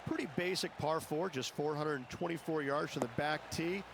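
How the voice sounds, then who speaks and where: Male golf commentator, analyst role. Fairly high voice, conversational and explanatory, over clear outdoor noise. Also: moderate pace, a crowd in the background.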